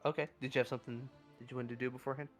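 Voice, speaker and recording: A man acting as game master, narrating a tabletop game casually in halting, improvised phrases. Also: medium pitch, little pitch movement, soft background music.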